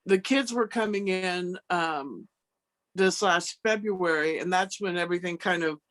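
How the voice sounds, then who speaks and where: A woman's voice: fairly low pitch, a little slow, fairly bright tone. Chatty woman hosting a conversation. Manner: chatty, lots of "like" and "you know". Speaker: host. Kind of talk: conversational interview.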